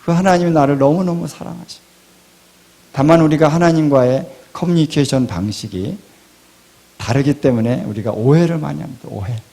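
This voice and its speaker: Male preacher, fairly high voice with gravel; rises loud, drops to near whispers. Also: moderate pace. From Korea. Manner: rhetorical questions, swings from loud to hushed. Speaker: pastor. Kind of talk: sermon.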